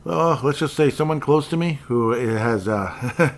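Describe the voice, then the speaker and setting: A man's voice: mid-range voice, unhurried. A man hosting a channel, chatting casually in a rambling way after a clip. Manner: rambling, with fillers and restarts. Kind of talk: casual chat.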